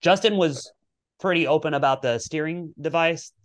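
A man's voice: on the high side, moderate pace. Laid-back man chatting on a podcast. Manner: relaxed, swears casually, talks in long runs. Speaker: podcast co-host. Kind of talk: casual podcast chat.

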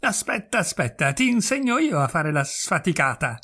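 Man doing a cursing parrot, high, slow, drawn-out, husky, brutish. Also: sing-song, bright, forceful tone, exaggerated voice. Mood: threatening. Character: parrot squawking a dead brutal husband's curses.

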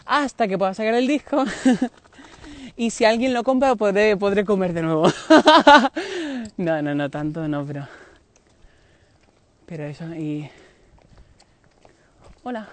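A man's voice: high voice, a little slow, long pauses. A man from Tenerife, chatting on a live stream outdoors, confiding and laughing often as he talks to his viewers. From Tenerife, Canary Islands. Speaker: singer hosting a live stream. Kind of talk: casual live-stream chat. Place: outdoors near a road, moving about.

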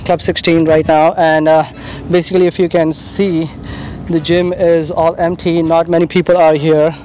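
A man vlogging casually to a handheld camera, upbeat and halting, with frequent filler sounds. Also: a little high, flat delivery, darkish tone, slight background noise. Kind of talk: casual vlog talk to camera. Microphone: handheld camera mic.

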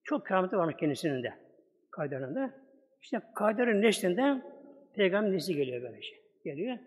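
A man gives a storytelling sermon on a Quran chapter, acting out the exchanges between the figures of the tale. His voice sits high and sounds husky rather than clear. The recording carries a long reverb, as in a large hall. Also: big pitch swings, fairly quick. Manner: acts out dialogue of the story in quotes. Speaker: preacher.

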